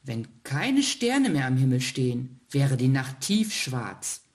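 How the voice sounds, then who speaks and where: Woman voicing the wise old star, low and kind. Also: very animated, slow, a little mellow, full character voice. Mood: gentle. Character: oldest wise caring elder star.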